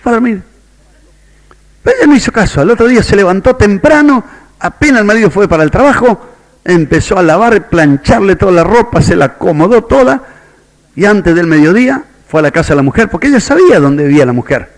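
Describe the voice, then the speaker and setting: Man, pastor, Rioplatense accent, sermon storytelling, high-pitched, quotes characters. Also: brisk. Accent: Rioplatense Spanish. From Argentina. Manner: storytelling, quoting characters in lively voices.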